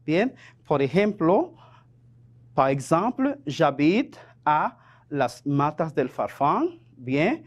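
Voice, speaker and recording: A man teaching a lesson on television, his pitch rising and falling with a lot of movement. He talks slowly and patiently, repeating each example as he goes back and forth between French and Spanish.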